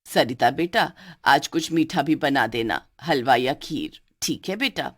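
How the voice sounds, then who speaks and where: A woman's voice: a bass voice, lively intonation, unhurried, voice pushed down, full character voice. A woman voicing a bossy older mother-in-law in a cartoon story who gives orders and scolds. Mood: commanding. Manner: commanding, scolding. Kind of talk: cartoon voice acting.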